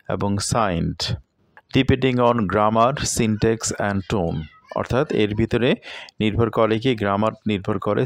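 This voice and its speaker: A man teaching a lesson, reading out English phrases slowly and then explaining them at length with many pauses and fillers. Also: lowish voice, creaky, no echo.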